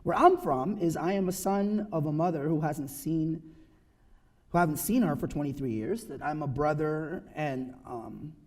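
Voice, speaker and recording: In a personal talk before an audience, a thirty-something Filipino man sounds earnest and emphatic, regularly tossing in a quick "right?". His pitch is fairly high and his tone a little mellow.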